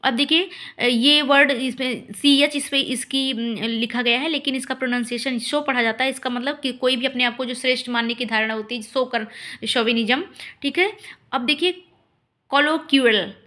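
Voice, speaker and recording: High bright-voiced woman teaching spellings. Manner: spells words out letter by letter, stresses key words slowly; repeats "ठीक है" and "अब देखिए" as fillers. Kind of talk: spelling and vocabulary lesson.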